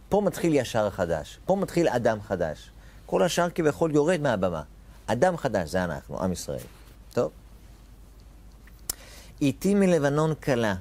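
A man's voice: mid-range voice, gravelly, a little mellow. A man teaching a Torah lesson as a rabbi, posing rhetorical questions and repeating key phrases with emphatic rises on important words.

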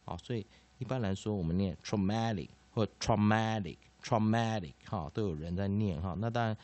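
A man teaching English pronunciation, full of filler particles and slow repeated sounds. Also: low-pitched, mellow, dry recording. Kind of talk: classroom-style explanation.

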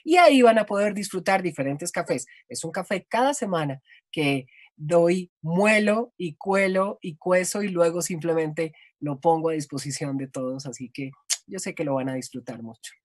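A middle-aged Colombian woman with an Antioquian accent, explaining voice and breath in an expressive, teacherly way over a video call from home. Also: fairly low pitch, normal speed, dry recording, studio quality. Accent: Colombian Antioquian Spanish. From Colombia, Antioquia region. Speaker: voice-over artist and voice coach guest. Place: home room with bookshelves. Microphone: video call webcam.

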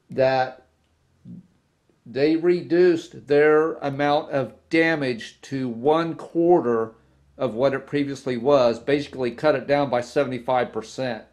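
A man talks slowly through a hobby tutorial at his workbench, pausing and restarting his sentences often. His voice sits at an ordinary middle pitch, and he sounds relaxed and unscripted. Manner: unhurried, halting, many restarts and fillers. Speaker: model railroad video host. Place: indoor workbench with model trains.

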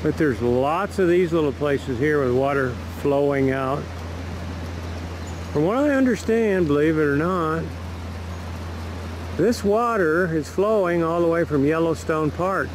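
A folksy, chatty man narrating his outdoor walk in a fairly high voice for a man. He is recorded on a camera mic outside, with plain background noise behind him. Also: animated, a little slow. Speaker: vlogger filming a walk. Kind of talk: casual walking vlog narration. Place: outdoors by a river park.

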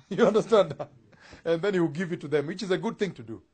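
A man preaching a sermon to a live congregation, with laughing asides and loud emphatic peaks. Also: high-pitched, brisk, breathy edge.

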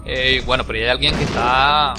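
A man giving let's play commentary on a game he is playing. He is excitable, swearing and yelping whenever the game attacks him. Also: mid-range voice, fairly quick. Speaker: gameplay commentator. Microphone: home voice recording over game capture. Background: game music.

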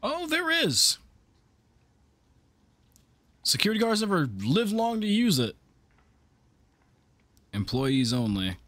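A young man on a headset mic, commenting casually on a video and shouting and swearing whenever something jumps out. His voice is bright and keeps swinging up and down in pitch. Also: slow, long pauses, dry recording. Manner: animated, exclaiming and swearing at jump scares. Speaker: reaction video host. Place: gaming room at a desk.

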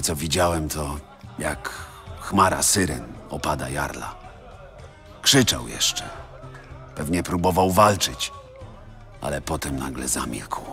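An actor playing a grim, gruff Norse warrior survivor in a video game, speaking plainly and somberly. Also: male voice, extremely low pitch, fairly bright tone, heavily acted. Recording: game music under the voice.

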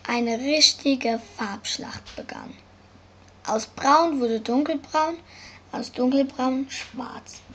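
Woman, storyteller, slow careful reading, husky, high-pitched. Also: fairly bright tone, highs cut off. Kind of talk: scripted narration.

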